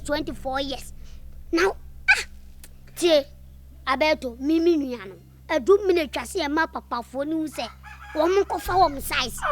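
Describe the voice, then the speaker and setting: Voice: very high voice, pushed and bright, heavily acted. A performer with a Ghanaian accent and Twi as native language, playing a gossiping, indignant friend in an improvised comedy skit, with dramatic exclamations. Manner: dramatic, exclaiming, repetitive storytelling.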